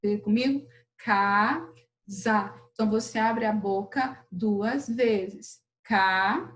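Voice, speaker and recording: A woman teacher with a Brazilian Portuguese accent giving a lesson to children, patient and slow over syllables, often checking in with the class. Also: a little high, darkish tone, poor audio. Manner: patient, drawn-out syllables, frequent "beleza?" checks. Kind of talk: recorded remote lesson for children.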